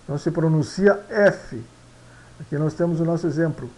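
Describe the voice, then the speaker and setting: A man explaining Latin pronunciation slowly and repetitively, mixing in Spanish phrases and often asking "né?". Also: a little high, mellow, low-quality recording. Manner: slow, repetitive, tag questions after each point; mixes Spanish phrases into Portuguese. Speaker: language teacher.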